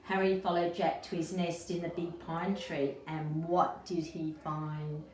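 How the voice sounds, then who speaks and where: Here an educator reads a kids' storybook with expression, speaking to young listeners and quizzing them along the way. Her pitch is fairly low and her tone darkish. Faint noise and roomy echo come through the distant microphone.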